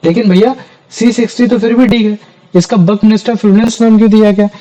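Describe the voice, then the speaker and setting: A man's voice: high voice, steady tone, fast, mellow, rough recording. A man teaching a chemistry class, talking casually to his students and asking them questions. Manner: chatty, calls students "bhaiya".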